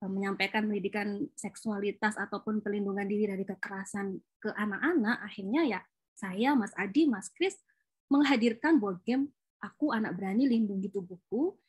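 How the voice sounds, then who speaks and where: A woman's voice: medium pitch, moderate pace, breathy edge. A woman, presenting a board game she co-created in a chatty, explanatory way, with frequent fillers. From Java, Indonesia. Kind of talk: informal presentation.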